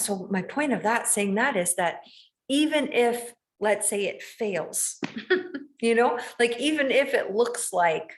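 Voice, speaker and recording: A woman hosting a casual spiritual talk, earnest and rambling, with many restarts and questions to the listener. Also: medium pitch. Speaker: host.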